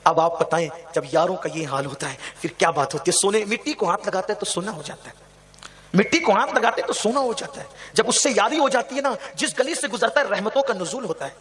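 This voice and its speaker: Give me an impassioned man giving a sermon, with a high, sharp voice. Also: expressive. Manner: impassioned, rhetorical questions to the audience. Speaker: preacher. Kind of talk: devotional sermon with storytelling.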